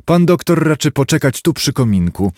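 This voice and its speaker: A man's voice: on the high side, sing-song, moderate pace, darkish tone, no echo, clean studio sound, voice pushed up. A man reading an audiobook, voicing an elderly, deferential male servant who speaks politely. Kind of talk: audiobook character voice.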